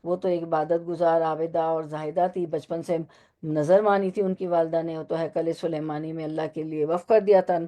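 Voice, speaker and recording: A woman with a low, mellow voice teaches a Quran lesson to women. She explains Arabic words slowly and stops to ask her listeners questions. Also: steady tone.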